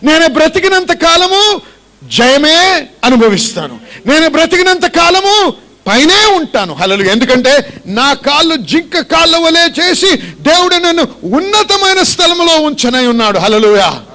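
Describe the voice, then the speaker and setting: High, lively male preacher. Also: moderate pace. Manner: preaching with repeated questions and calls to the congregation. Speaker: pastor. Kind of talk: sermon. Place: church.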